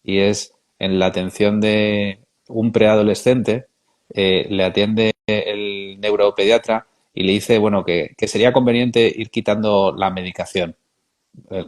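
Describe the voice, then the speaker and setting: Man, lowish voice, thoughtful, unhurried interview host. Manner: measured, reflective, hesitant fillers. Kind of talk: conversational interview.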